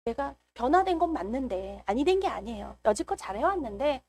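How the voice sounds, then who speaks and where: A woman's voice: high voice, big pitch swings, a little fast, a little mellow. A woman preaching a fervent church sermon, calling out hallelujah again and again as she tells a personal story. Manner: fervent, calls out hallelujah often. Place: church service.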